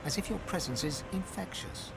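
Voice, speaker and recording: Dramatic, high-ish male game narrator. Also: lively intonation, moderate pace, vocal fry, music in the background. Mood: solemn. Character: solemn, dramatic storyteller addressing the player. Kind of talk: scripted video game narration.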